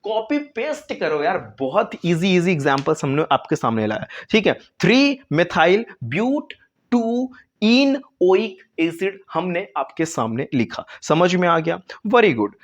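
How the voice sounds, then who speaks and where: A man teaching chemistry in a casual online lesson, chatty and coaxing, calling students "beta" and mimicking their replies. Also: on the high side. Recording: slightly dull lo-fi recording.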